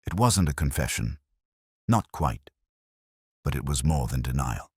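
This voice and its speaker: In a close, completely dry recording with no sense of room, a man whose voice is extremely deep and cavernous narrates a noir detective tale in the first person. His delivery is measured and brooding yet animated, swelling and dipping expressively through every sentence, with a slightly mellow, slightly rough quality.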